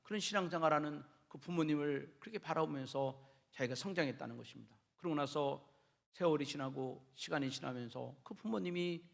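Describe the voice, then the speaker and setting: A middle-aged man preaching an impassioned sermon in a church, repeating phrases and building up to shouts. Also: fairly high pitch, brisk, creaky. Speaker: pastor. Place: church sanctuary.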